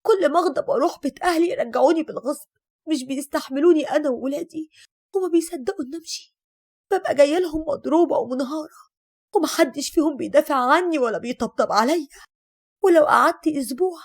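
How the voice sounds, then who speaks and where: A woman voicing a distraught young wife with an Egyptian accent, crying and pleading loudly. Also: high-pitched, slightly rough, no room sound, clean studio sound, exaggerated voice. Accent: Egyptian Arabic. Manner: pleading, tearful, raised voice.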